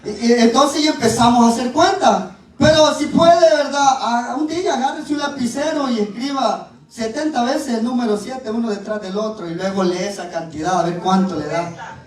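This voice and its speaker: A man preaching a sermon in a strikingly high voice. He stands some way from the microphone in a hall that rings with echo. He often tags on "¿verdad?" and slows down to stretch out the words he wants to stress. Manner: peppers speech with "¿verdad?" and "eh", stretches key words slowly. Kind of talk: sermon with Bible reading. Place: church. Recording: very echoey, voice far from the mic.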